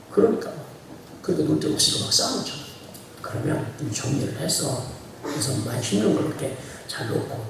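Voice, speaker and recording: Male pastor, high and very animated, folksy sermon with shouted peaks, distant mic in a very echoey church. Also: gravelly, noisy background. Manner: animated preaching, swings from quiet asides to shouting; laughs often, chatty and folksy. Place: church sanctuary. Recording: very echoey church hall, preacher heard from far off.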